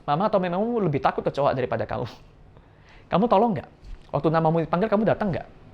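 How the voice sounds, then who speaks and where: Lively young man preaching to children. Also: on the high side, fast talker, lo-fi sound. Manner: lively, playful storytelling with acted voices. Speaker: Sunday school preacher. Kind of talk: children's sermon.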